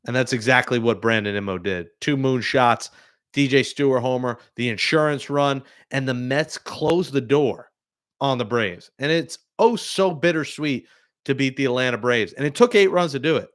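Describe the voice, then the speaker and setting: A man hosting a live postgame reaction show, talking through the game with excitable, joking fan commentary. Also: medium pitch, normal speed. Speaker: sports talk host.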